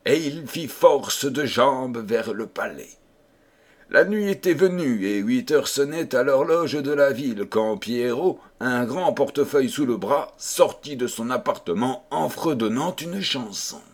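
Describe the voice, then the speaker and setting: A man reading a fairy tale aloud as an audiobook narrator in a measured storytelling manner. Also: mid-range voice, expressive, husky. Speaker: audiobook reader. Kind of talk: scripted narration.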